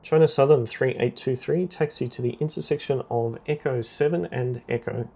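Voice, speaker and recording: A man voicing air traffic control in a simulator game delivers short, procedural radio commands at normal speed. The voice is creaky and medium-pitched, with a slightly mellow quality.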